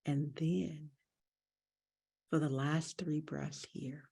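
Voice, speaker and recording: Guiding listeners through a breathing meditation, a woman meditation teacher speaks in a low-sitting, husky, mellow voice with some fry and fairly even intonation. She gives calm instructions gently, deliberately, and without hurry.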